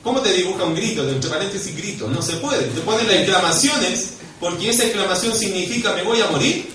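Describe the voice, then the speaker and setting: Male Chilean pastor, preaching, fairly high voice, animated, quizzes the congregation, echoey church hall, distant mic. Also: a little fast, a little hiss or hum. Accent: Chilean Spanish. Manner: animated, swings from quiet to loud and emphatic; questions and prompts the congregation directly. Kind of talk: sermon.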